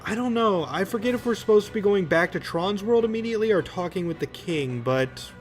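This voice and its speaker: A man's voice: high voice, lively intonation, brisk, soft background music. A young man giving casual, rambling let's play commentary in a jokey, mock-exasperated manner.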